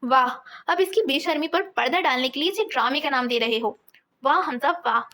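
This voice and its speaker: A woman voicing a headstrong young woman in an audiobook, defiant and quick to shout. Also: sits high. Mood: sulky.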